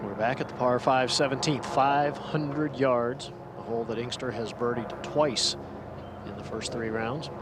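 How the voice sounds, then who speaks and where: A man's voice: medium pitch, fairly even intonation, unhurried. A man working as a golf commentator, calling play at a tournament for television. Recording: outdoor broadcast with music and loud crowd. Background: music and golf crowd.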